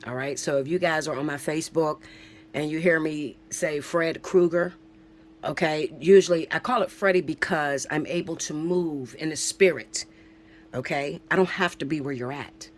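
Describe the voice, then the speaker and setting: A woman's voice: deep voice, moderate pace, a little hiss or hum. A woman in her forties, a spiritual reader talking casually and emphatically to viewers, swearing freely and often checking in with "okay?". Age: 40s. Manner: emphatic, preachy, swears, keeps asking "okay?". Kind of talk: casual spiritual vlog talk.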